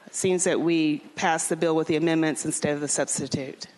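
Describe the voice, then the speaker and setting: Lowish-voiced woman legislator, formal address. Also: steady tone, fairly quick, a little mellow, slight background noise, poor audio. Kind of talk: formal floor speech.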